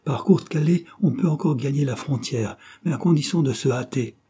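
A man's voice: medium pitch, brisk, mellow, husky, pitched above the performer's own voice, close to an everyday voice. A man voicing a resolute young male rebel in a storybook reading, breathless and urgent.

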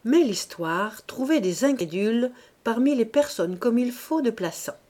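A woman reading a classic novel as an audiobook narrator, in an expressive, measured way. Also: on the high side. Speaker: audiobook reader. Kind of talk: scripted narration.

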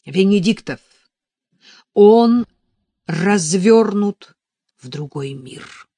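A woman's voice: mid-range voice, expressive, very slow, mellow, slightly rough, no room sound, studio quality, pitched above the performer's own voice, exaggerated voice. A woman voicing an exhausted young girl heroine, out of breath and urgently giving orders, in an audiobook. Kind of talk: audiobook reading.

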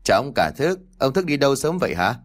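A man's voice: medium pitch, big pitch swings, fast, lightly acted. Man doing a smarmy, fawning village official. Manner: smarmy, falsely polite.

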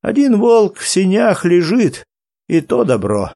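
Grumpy old male innkeeper, gruff, pitched up high, as a male narrator puts him on. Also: very animated, unhurried, mellow, exaggerated voice. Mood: grumbling. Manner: gruff, grumbling.

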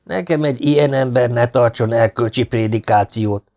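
A man's voice: medium pitch, darkish tone, close to an everyday voice. A man voicing a huge, grumpy, sleepy legionnaire who grumbles and blusters in an audiobook story. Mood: grumbling.

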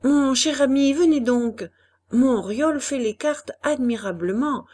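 A woman reading the part of a brisk, pushy businessman husband in a storybook, coaxing and insistent. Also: extremely high pitch, a little mellow, pitched above the performer's own voice.

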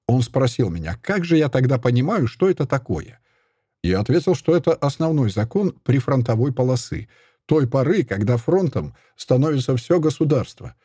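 Male narrator, first-person story, expressive, lively pitch, dry sound. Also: moderate pace, slightly rough, dry recording. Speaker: audiobook narrator.

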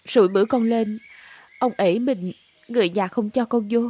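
A woman's voice: a little high, normal speed, mellow, husky, no echo. A woman playing a poor, sick young widow who answers weakly and humbly. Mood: weary, humble. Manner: weak, humble, respectful.

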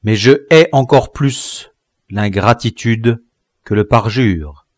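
A man's voice: fairly low pitch, slow, no echo, clean studio sound. A man reading the part of a grave, fierce enslaved man in an audiobook, speaking in a solemn, urgent tone.

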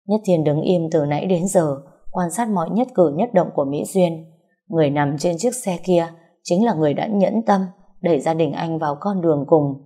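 A woman reading a romance story aloud in a steady, measured narration. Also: on the low side, slightly rough. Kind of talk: scripted audiobook narration.

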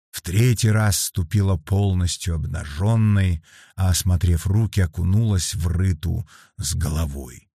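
A man reading a novel aloud, in slow, measured, pausing narration. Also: deep voice, dark tone, no room sound, clean studio sound. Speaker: audiobook narrator. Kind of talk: scripted audiobook narration.

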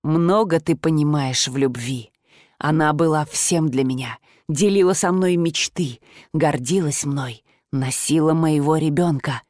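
Woman playing a sinister male master, low hushed voice, slow creeping delivery, dry audiobook sound. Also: no echo. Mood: cold. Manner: quiet, insinuating, slow. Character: sinister male master, soft, menacing shapeshifter.

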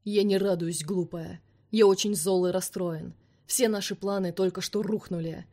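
A woman voicing a fierce, scornful vampire man in an audiobook, speaking forcefully and commandingly. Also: medium pitch, steady tone, moderate pace, close to an everyday voice. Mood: cold.

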